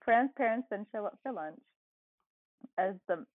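A podcast co-host runs through a film's plot in a relaxed way, adding dry remarks as she goes. Her mid-range voice has lively intonation and a slightly slow pace, and it comes through a tinny, phone-like line without echo.

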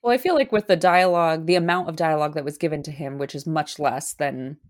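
A woman's voice: sits low, fast talker. A woman co-hosting a casual fan podcast, talking thoughtfully and hesitantly. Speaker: podcast co-host. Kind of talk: casual chat.

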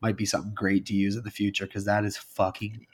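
A man hosting a casual podcast, talking in a relaxed, amused way. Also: on the low side, fast talker. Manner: relaxed, laid-back, amused. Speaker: podcast host.

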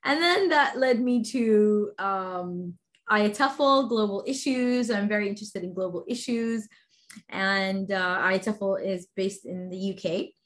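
A woman's voice: medium pitch, measured pace. A woman from Sudan, a guest in an interview, talking enthusiastically with many fillers and restarts. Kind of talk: interview conversation.

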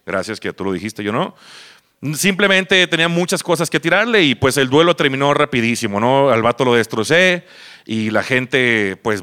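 A young Mexican man recounting a personal story with animated, casual delivery. His voice is bright and forceful, at a middle pitch, and he slips into the voices of the people in his tale. He swears freely, like a comedian on stage. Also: clear, resonant tone. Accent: Mexican Spanish.

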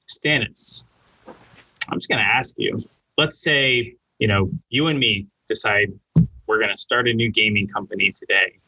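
Bright, husky male podcast host. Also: lowish voice, no room sound, low-quality recording. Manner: casual and chatty, uses many fillers like "you know" and "like". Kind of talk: podcast interview.

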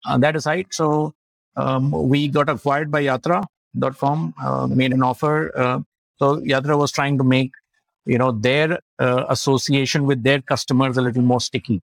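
A man's voice: mid-range voice, little pitch movement, moderate pace, vocal fry, dry recording, rough recording. A man with an Indian accent answering as a founder in a casual interview, telling stories and acting out bits of dialogue. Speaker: startup founder being interviewed.

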